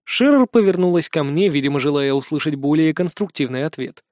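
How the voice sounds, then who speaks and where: A man narrating a first-person audiobook in a lively, vivid storytelling manner. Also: fairly high pitch, brisk, dry recording, clean studio sound.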